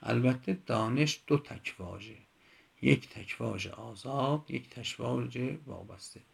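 A man's voice: mid-range voice, gravelly, slightly rough. A man teaching a grammar lecture, explaining step by step with examples.

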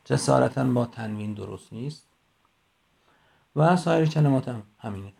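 A man, middle-aged, teaching a class in a recorded voice message on a phone, explaining slowly and going through examples one by one. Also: medium pitch, animated, vocal fry, darkish tone, breathy edge. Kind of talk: recorded lecture.

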